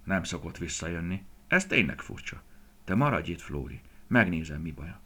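A man voicing a kindly old grandfather, a former vet, in a storybook, talking calmly and fondly. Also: deep voice, slightly rough, heavily acted. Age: older.

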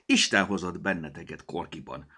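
A man's voice: sits low, pushed and bright, slightly rough, full character voice. A man voicing a fussy, self-important little elf master in a storybook reading. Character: small proud elf master, bustling.

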